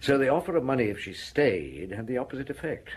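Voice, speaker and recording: A middle-aged man playing a seasoned, calm police chief inspector in an audio drama, musing and probing in a deliberate way. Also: mid-range voice, breathy edge. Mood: probing, assured.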